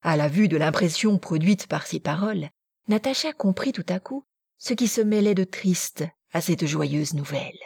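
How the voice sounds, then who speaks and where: A woman narrating a classic novel in a measured, expressive audiobook reading. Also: fairly low pitch, gravelly, breathy edge, dry recording, clean studio sound. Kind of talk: literary narration.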